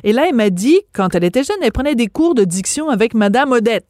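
A woman's voice: a little high, expressive, quick pace, a little mellow, dry recording, clean studio sound. A woman with a Québécois accent, hosting a radio interview in a chatty, friendly way. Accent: Québécois French. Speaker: radio host.

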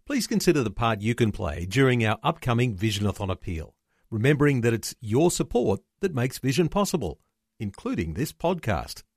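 Australian male executive, scripted fundraising announcement, lively intonation, dry studio sound. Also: mid-range voice, gravelly, no room sound. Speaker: chief executive making a fundraising appeal.

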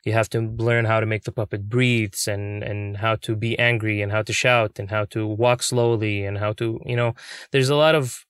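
A young man, a puppeteer, telling his story in an interview, earnest and excitable. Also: on the low side, moderate pace, clear, resonant tone, no echo, clean studio sound. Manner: earnest, excitable, many fillers.

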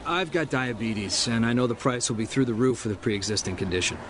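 A man acts out a hesitant male customer in a scripted radio commercial. His voice sits at an average pitch, with clear outdoor city noise behind it. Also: fairly quick, natural voice. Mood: worried.

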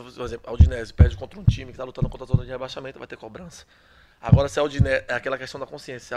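A young adult man from Salvador, a footballer answering interview questions in a chatty way that often restarts phrases and tags on questions. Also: medium pitch. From Salvador, Bahia, Brazil. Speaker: footballer guest.

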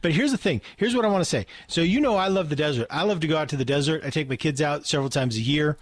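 A man's voice: a little high, animated, quick pace, no echo, clean studio sound. A man co-hosting a radio talk show, earnestly explaining outdoor rules and repeating his points for emphasis. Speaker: radio co-host. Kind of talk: casual radio banter.

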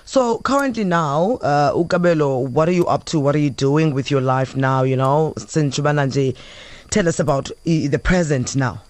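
A woman's voice: low-pitched, normal speed, darkish tone, dry recording. A woman with a South African Xhosa accent hosting a radio interview, switching between English and Xhosa. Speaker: radio host.

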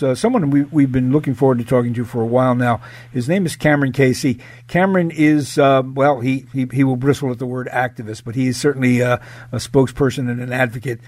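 A man hosting a radio interview, speaking haltingly with many fillers and restarts. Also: mid-range voice, darkish tone, no room sound. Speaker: radio show host.

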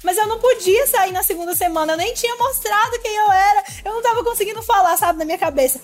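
A woman with a high, bright-sounding voice tells her story as a podcast guest. She is animated and vivid, acting out what she was thinking back then. Faint music sits low behind her. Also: fast talker. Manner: animated storyteller who acts out her own past thoughts. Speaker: guest, former reality show contestant. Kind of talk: casual podcast interview.

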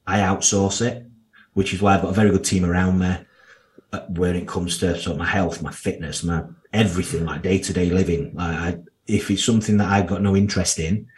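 A man in his thirties with a strong Yorkshire accent, talking candidly as an interview guest in a blunt, down-to-earth, slangy way. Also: sits low. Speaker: podcast guest, financial services professional.

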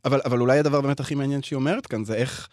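A man discusses a passage hesitantly, stopping and restarting as he looks for words. His voice has a middle pitch. It is recorded dry and close in a studio. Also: fairly even intonation, darkish tone, dry recording. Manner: hesitant, many fillers and restarts. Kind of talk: casual discussion.

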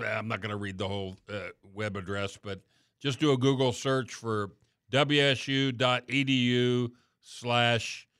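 A chatty middle-aged man hosting a radio show, his voice bright and forward. He talks casually and lets sentences fade at the ends. The sound is close and dry. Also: lowish voice, clean tone, dry recording. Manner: chatty, relaxed, trailing off at phrase ends. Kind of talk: casual radio talk and interview.

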